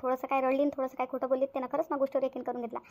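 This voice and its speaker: [name], a woman voicing a shrill scheming wife. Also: flat delivery, racing, darkish tone, highs cut off. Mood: gloating. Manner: wheedling, fake-tearful pleading. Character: scheming young wife, sly and whiny. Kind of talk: cartoon voice acting.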